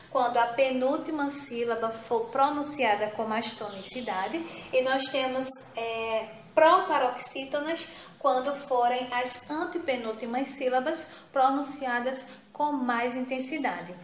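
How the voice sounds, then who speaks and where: A woman teacher with a fairly high voice talks slowly and patiently, repeating points for young pupils. Her voice rings in an echoey room, with a faint hum of ambience behind her. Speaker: primary school teacher. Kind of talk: recorded remote grammar lesson.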